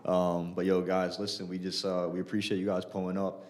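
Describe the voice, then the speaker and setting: A man's voice: low voice, little pitch movement, fairly quick, a little mellow. A man hosting a podcast in casual chat, laid-back and slangy, often saying "you know". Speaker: podcast host.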